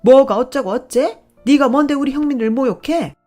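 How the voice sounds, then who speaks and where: A woman voicing a bossy middle-aged mother-in-law who scolds in a booming voice. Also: animated, moderate pace, darkish tone, faint music behind, lightly acted. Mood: scolding.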